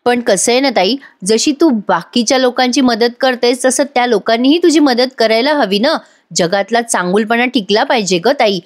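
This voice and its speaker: A woman voicing a sharp-tongued young woman who taunts pointedly, in a TV serial recap. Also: on the high side, normal speed, lightly acted. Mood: taunting. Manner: pointed, sarcastic.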